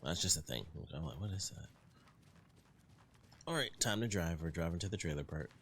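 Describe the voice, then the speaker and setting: A man's voice: sits low, lively intonation, fast talker, slight background noise. A man giving casual commentary while he plays a video game. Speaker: gamer commentator.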